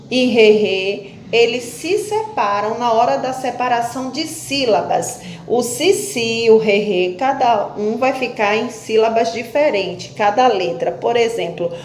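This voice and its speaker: A woman teacher giving a phonics lesson, slowly spelling out and splitting words into syllables while asking questions and answering them herself. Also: on the high side. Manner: slow, stretches out syllables when splitting words. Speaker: primary school teacher. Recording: echoey room with faint background noise.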